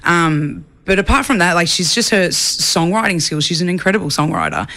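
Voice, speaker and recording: A young woman from rural Australia, a singer, answers interview questions in a chatty manner full of fillers and restarts. Her voice sits on the low side and sounds very animated, brisk and sharp.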